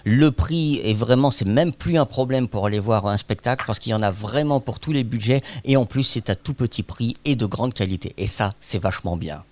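A man's voice: medium pitch, brisk, hardly any pauses. A man hosting a local radio interview, chatty and friendly, with filler hesitations. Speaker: radio host.

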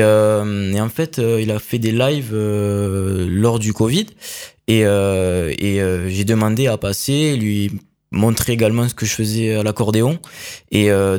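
A young man with a slightly low voice talks about his music as an interview guest. He hesitates often and fills pauses with "euh" as he goes. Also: darkish tone. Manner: hesitant, many fillers. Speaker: accordionist guest. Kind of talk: casual interview answers.

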